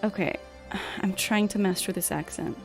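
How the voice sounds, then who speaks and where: A woman's voice: mid-range voice, moderate pace, over music. A young woman streamer chatting casually while gaming, swearing and laughing at herself.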